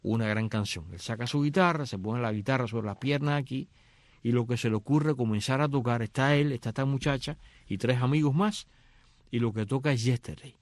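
A man's voice: medium pitch, brisk, no echo. A middle-aged man casually retelling a film's story, acting out the characters' lines. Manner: animated, acts out dialogue. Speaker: radio host recounting a film.

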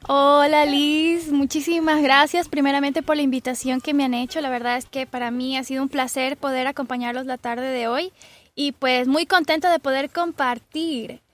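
Una mujer joven ecuatoriana con acento de Ecuador, estudiante invitada, habla de forma cordial y conversadora. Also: female voice, high-pitched, fairly even intonation, normal speed. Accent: Ecuadorian Spanish. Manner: warm, polite, chatty. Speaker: guest, journalism student. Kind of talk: friendly interview chat.

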